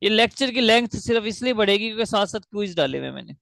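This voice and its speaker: Gravelly-voiced man teaching English grammar. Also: sits high, expressive, a bit bright, dry recording. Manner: explains step by step, spells out syllables slowly, asks the class questions. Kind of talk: online grammar lecture.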